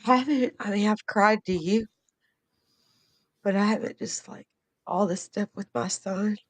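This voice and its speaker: A woman's voice: medium pitch, a little slow, no echo. A woman hosting a casual live stream, chatting in a rambling way and laughing often. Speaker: livestream host.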